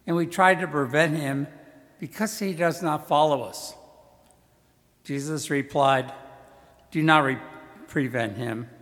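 A man, a priest, proclaiming a gospel reading in a slow, measured way, his voice ringing with cathedral echo in a large church. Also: medium pitch, fairly bright tone. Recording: long church reverb.

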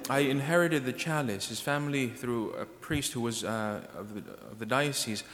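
Male priest, church service delivery, solemn deliberate phrasing, mid-pitched, long cathedral echo. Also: a bit bright. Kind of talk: sermon and scripture reading at Mass. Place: large church, indoors.

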